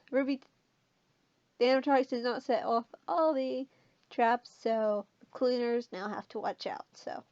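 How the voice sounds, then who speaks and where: High-voiced woman reading fanfiction aloud. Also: darkish tone, dry recording. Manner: chatty, self-questioning, many fillers. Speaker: fanfiction reader. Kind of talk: casual reading aloud with asides. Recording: dull lo-fi sound.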